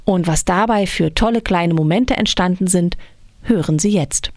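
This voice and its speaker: A woman's voice: on the low side, normal speed, a little mellow, no echo, clean studio sound. A woman presenting a community radio hour, reading a scripted introduction and addressing listeners directly.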